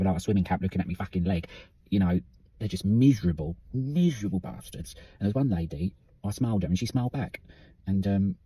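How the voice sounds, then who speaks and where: Sweary British man with a mellow voice. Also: sits low, slightly rough, dry recording. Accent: British English. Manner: candid, sweary, ranting. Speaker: vlogger. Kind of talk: casual vlog monologue.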